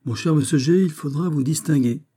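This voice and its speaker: A man voicing a witty, dignified male magistrate with a taste for fine food, speaking with unruffled calm. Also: on the high side, a little fast, husky, pitched above the performer's own voice. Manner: tranquil, dignified.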